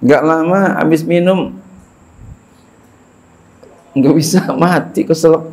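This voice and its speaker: A middle-aged preacher, talking in a loose, chatty sermon style. His voice sits a little high for a man, and he repeats phrases for emphasis, with a chuckle now and then. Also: takes it slowly. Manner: colloquial and animated, repeats phrases, chuckles while telling stories. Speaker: Islamic preacher teaching a classical book. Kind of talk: casual religious lecture.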